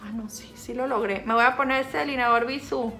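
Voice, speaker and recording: Gravelly, bright-voiced Sinaloan woman vlogger. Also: on the high side, steady tone, brisk, faint music behind. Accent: Mexican Spanish (Sinaloa). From Sinaloa, Mexico. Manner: playful, teasing, self-mocking, talks to an off-camera helper. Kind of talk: casual makeup tutorial chat.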